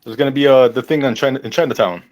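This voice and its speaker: A man's voice: medium pitch, steady tone, rapid-fire, darkish tone. A man talking casually and informally in a group conversation. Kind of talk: casual chat.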